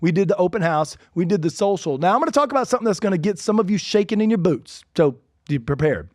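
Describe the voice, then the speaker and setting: A man hosting a real estate podcast, talking in an energetic, chatty way full of asides. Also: sits high, fast, no room sound, studio quality. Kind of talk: casual instructional podcast talk.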